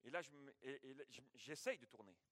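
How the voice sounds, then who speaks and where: A man preaching as a pastor, telling a lively anecdote full of spoken sound effects and frequent restarts. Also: mid-range voice, a little fast, no room sound. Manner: frequent restarts and repeated words. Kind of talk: sermon with a personal anecdote.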